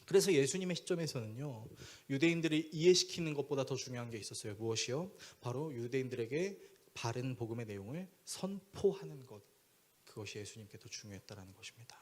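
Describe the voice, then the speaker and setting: A man's voice: medium pitch, fast. A male pastor preaching a sermon, telling a story vividly and acting out the dialogue. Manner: animated storyteller who acts out dialogue.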